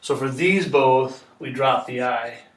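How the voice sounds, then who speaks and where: A man with a mid-range voice talks slowly while teaching a chemistry lesson step by step, patient and repetitive, checking in with "okay?". The classroom explanation is recorded in an echoey room with the mic far away.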